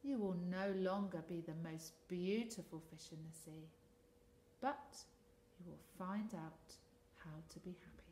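A woman reading a storybook aloud, voicing a wise old female octopus who speaks solemnly and slowly, sinking to a hush. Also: fairly low pitch. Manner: solemn, slow, dropping to a hush. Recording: echoey room, faint noise.

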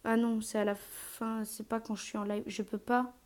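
Hesitant streamer woman, mellow voice. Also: fairly high pitch, flat delivery, moderate pace. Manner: hesitant, many fillers, drops to whispers at times. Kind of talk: live gameplay commentary. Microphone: earphone mic.

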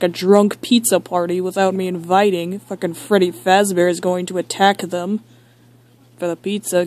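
A girl voicing a boastful, deadpan dad toy who hosts a chaotic talk show in an amateur toy skit. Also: mid-range voice, natural voice. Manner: slow, boastful, deadpan rambling. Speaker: talk show host figure.

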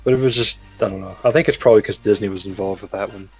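Low-voiced man chatting on a stream. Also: steady tone, rapid-fire, husky, soft background music. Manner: laughs often, rambling with fillers. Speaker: stream guest. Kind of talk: casual chat.

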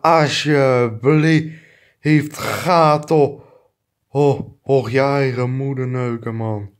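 A man's voice: medium pitch, steady tone, extremely slow. A man improvising a comic fan dub of two clumsy adult male neighbors who bicker, trading crude insults and swearing. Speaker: fan dubber.

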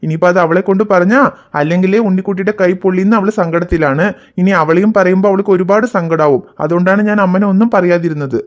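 Cartoon dad, calm and reassuring, brisk talker, medium pitch, performed by a voice actor. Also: highs cut off, natural voice. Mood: gentle. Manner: calm, reassuring, explains things to his children. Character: patient, gentle cartoon father. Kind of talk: cartoon voice acting.

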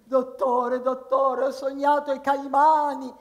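A woman voicing an anxious male patient who keeps pleading with his doctor in high, urgent calls. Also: little pitch movement, slow pace. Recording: live hall with long reverb.

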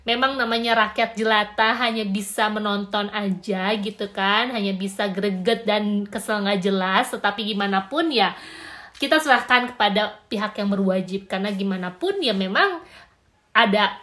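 A woman in her thirties from Indonesia records a casual vlog into her phone at arm's length in a small room. Her talk is animated and full of hand gestures, with frequent filler pauses. Her voice sits at an ordinary middle pitch. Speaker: vlogger.

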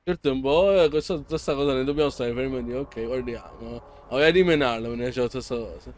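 A man hosting a let's play, commenting excitably and yelling and pleading at the boss. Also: mid-range voice, fast talker. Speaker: gameplay channel host.

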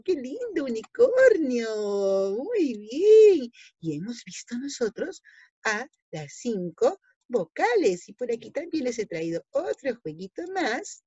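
A hoarse woman teaching young children in an online lesson, drawing out her words slowly and playfully. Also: on the high side, very animated, mellow, no room sound. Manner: slow, sing-song, drawn-out words for small children. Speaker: preschool teacher. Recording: dull, lo-fi home video audio.

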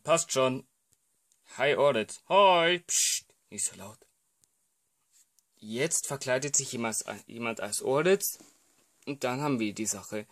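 A man voicing every character in a homemade comedy film, playful and hesitant, jumping between voices. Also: fairly bright tone. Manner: playful, jumps between voices with sudden pitch shifts; hesitant, many fillers. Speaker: amateur filmmaker voicing all characters.

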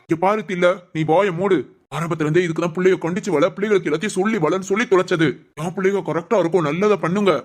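A woman's voice: lowish voice, very fast, a little mellow, close to an everyday voice. A woman voicing a strict, domineering middle-aged father who scolds his family in a cartoon family drama. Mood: stern.

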